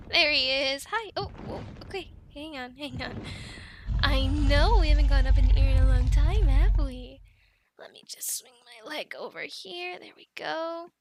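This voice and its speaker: In an ASMR roleplay, a woman plays a friendly, encouraging dragon keeper who chats playfully with the listener and coos to the animals as if they were pets. Her high voice sounds excited, with some playful scolding, over slight background noise.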